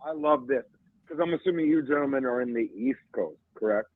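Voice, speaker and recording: A male caller on a bad, breaking-up phone connection, talking in an excitable, rambling way. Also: mid-range voice, a little fast, dry recording. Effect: bad connection, breaking up phone line. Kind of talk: casual call-in chat. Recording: tinny, breaking-up phone line.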